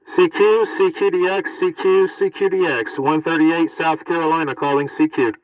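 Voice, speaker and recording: A middle-aged American man, a CB radio hobbyist, talks casually in a steady voice on the high side at normal speed, often repeating his phrases. It's a mix of vlog talk and radio calling, and the recording is very noisy.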